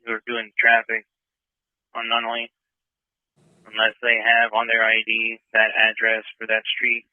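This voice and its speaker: A man's voice: on the low side, monotone, unhurried, pauses often, no echo. Man dispatching over a tinny police radio. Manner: terse, clipped radio codes. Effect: over a police walkie-talkie radio. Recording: tinny dry radio transmission.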